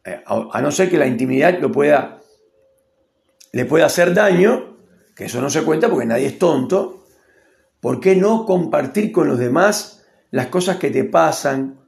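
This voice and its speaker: A man's voice: on the high side, lively intonation, moderate pace, creaky, a little mellow. A man with a Rioplatense accent giving a rambling, opinionated casual monologue and acting out quotes. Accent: Rioplatense Spanish. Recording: echoey room.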